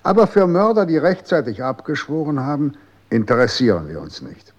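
An actor playing a cold, condescending official in a 1960s radio drama, calm and authoritative. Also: male voice, fairly high pitch, a little fast.

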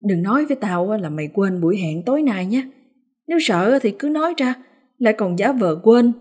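A woman's voice: mid-range voice, fast talker, natural voice. A woman voicing a cheeky young village man who mocks his friends. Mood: teasing. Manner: teasing, mocking.

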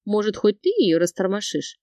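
A woman voicing a lively, playful young woman roommate with a mannered way of talking. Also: medium pitch, normal speed, no room sound.

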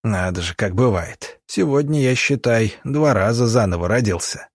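A man voicing a wounded, gruff officer in an audiobook, speaking hoarsely. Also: lowish voice, expressive, normal speed, no room sound, clean studio sound. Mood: wry. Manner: hoarse, rasping.

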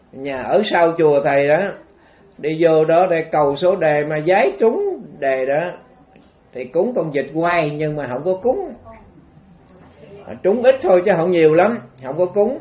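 High-voiced Southern Vietnamese monk storytelling. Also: male voice, lo-fi sound. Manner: rambling, conversational, addresses the audience directly. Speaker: Buddhist monk teacher. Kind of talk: storytelling dharma talk.

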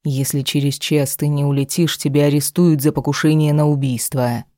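A cruel husband from an audiobook snaps his threats harshly, read by a woman. His voice is low and dark. The recording is dry and close. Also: flat delivery, normal speed, no room sound, natural voice. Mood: harsh anger. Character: cruel angry husband, a grown man. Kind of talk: audiobook character reading.

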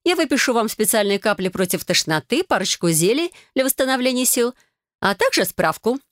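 Woman reading a brisk female healer. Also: a little high, big pitch swings, dry recording, clean studio sound, pitched above the performer's own voice. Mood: businesslike. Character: brisk red-haired female healer, matter-of-fact.

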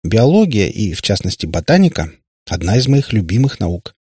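A man with a husky voice reading an audiobook and voicing a polite, pedantic, somewhat flustered schoolboy. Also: on the low side, very animated, moderate pace, mellow, no echo, clean studio sound. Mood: earnest. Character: lanky, earnest, nerdy schoolboy.

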